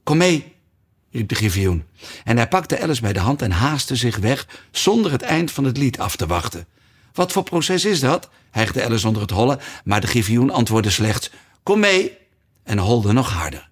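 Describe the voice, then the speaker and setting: A man reading a storybook aloud in a calm, measured way. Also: fairly low pitch, husky. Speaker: audiobook reader.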